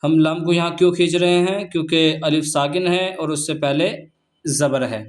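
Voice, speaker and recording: A man teaching Quran reading, spelling out letters and vowel marks slowly, then explaining the rules quickly. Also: a little high, steady tone. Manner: slow chanted recitation of syllables, brisk explanations between.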